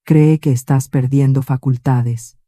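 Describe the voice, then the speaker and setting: A woman doing a smug man in a spoken story who pushes in casually and coaxes, dark mellow voice, dry sound. He talks as though the house were already his. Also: very deep voice, steady tone, measured pace, no echo. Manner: casual, overbearing, coaxing.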